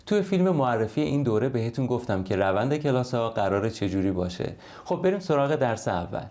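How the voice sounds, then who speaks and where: Male language tutor, patient step-by-step explainer, mid-pitched voice, online lesson. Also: sing-song, darkish tone. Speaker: English teacher.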